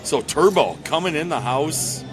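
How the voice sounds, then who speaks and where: A man's voice: fairly high pitch, expressive, unhurried, music in the background. A man giving casual, joking color commentary on curling from a shared desk mic. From Minnesota. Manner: chatty and joking, laughs often. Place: indoor curling center.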